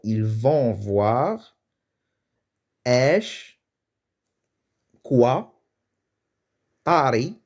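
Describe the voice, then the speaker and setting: A man's voice: fairly low pitch, darkish tone. Man teaching, hesitant and chatty. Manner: hesitant, thinks aloud with restarts and chuckles. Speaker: Moroccan Arabic teacher. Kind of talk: casual explanatory lesson.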